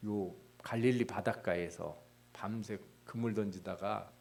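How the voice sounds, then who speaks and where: Speaking in a lowish, somewhat mellow voice with vocal fry and a measured pace, this male pastor preaches a Bible exposition in a conversational style. He questions the congregation and voices people's prayers and thoughts as if quoting them.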